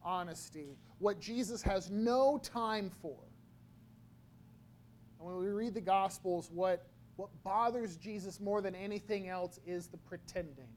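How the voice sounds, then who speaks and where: A man preaching a sermon, slow and halting, often repeating his words as he goes. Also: high voice, darkish tone, a little hiss or hum. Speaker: pastor.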